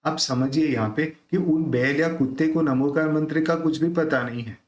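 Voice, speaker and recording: A man teaching correct pronunciation of a devotional hymn: he explains each word, then recites it slowly and repeats it. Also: on the high side, steady tone. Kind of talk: pronunciation lesson. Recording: echoey room.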